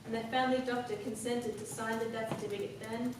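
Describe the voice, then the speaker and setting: A young student actress, performing for her classmates, voices a cunning, coldly composed woman in a dramatic monologue. She speaks in a highish, natural voice with a level tone, formal and deliberate, sounding cool and confiding. Picked up from afar, the audio has heavy echo and noticeable background noise.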